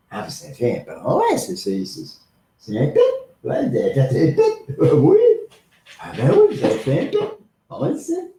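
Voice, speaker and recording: A boastful, cranky old man, as a man puts him on, rambles through an improvised comic live stream. His pitch sits a little high and swings wildly, often shooting up into a squeak. The recording sounds roomy and echoey. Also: dark tone, a little hiss or hum.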